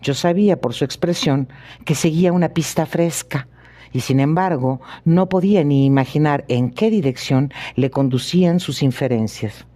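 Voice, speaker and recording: A male narrator reads a classic detective tale in a steady, unhurried way. His voice is warm and mellow, sitting slightly above the usual male pitch, made for long listening. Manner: steady, clear storytelling. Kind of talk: audiobook reading.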